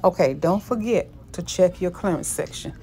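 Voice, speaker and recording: A woman's voice: fairly low pitch, normal speed, dark tone. A woman vlogging as she walks through a large store, chatting upbeat to her viewers about the items she finds. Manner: upbeat, chatty, keeps addressing viewers as guys. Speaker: shopping vlogger. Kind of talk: casual shopping walkthrough. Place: inside a large retail store.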